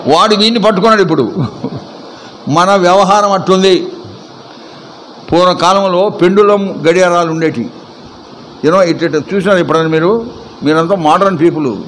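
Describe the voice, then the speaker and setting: A male pastor preaching with a high, ringing voice, driving points home with repetition and quizzing the congregation with questions. He is recorded at a church service, with a faint hiss behind him. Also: rough recording. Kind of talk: sermon.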